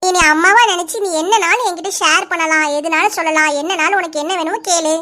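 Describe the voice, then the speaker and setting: A woman's voice: very high-pitched, fast, pushed and bright. A woman voicing a kindly, bossy middle-aged village woman in a cartoon, fussing affectionately, with a Kanyakumari Tamil accent. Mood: tender. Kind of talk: cartoon voice acting.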